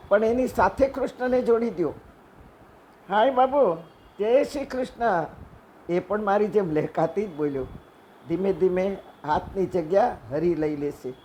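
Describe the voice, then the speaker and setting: A woman religious storyteller giving a devotional discourse, telling an anecdote in a conversational, gently moralizing way and acting out the quotes. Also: medium pitch, slight background noise, rough recording.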